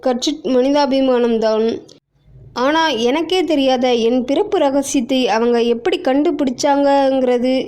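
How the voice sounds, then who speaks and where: A woman's voice: sits high, a little slow, mellow. A woman voicing a troubled young woman who pleads and reproaches herself. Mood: firm. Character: troubled young woman, guilt-ridden and emotional.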